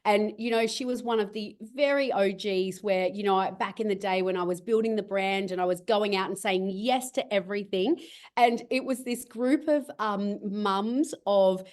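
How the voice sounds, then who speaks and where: A woman's voice: mid-range voice, moderate pace, a little mellow. A middle-aged woman, a cosmetics business founder, telling a rambling story in a casual interview and laughing often. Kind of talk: casual video-call interview.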